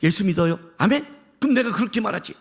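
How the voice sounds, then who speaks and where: A man preaching a sermon as pastor, impassioned, shouting for emphasis and firing rhetorical questions at the congregation. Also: high voice, lively intonation, fast talker, creaky.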